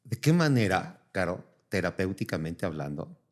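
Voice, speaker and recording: Low-voiced man hosting. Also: sing-song, normal speed. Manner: rambling questions with many back-channel "ujú" and "ok". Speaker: podcast host. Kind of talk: interviewing, casual chat.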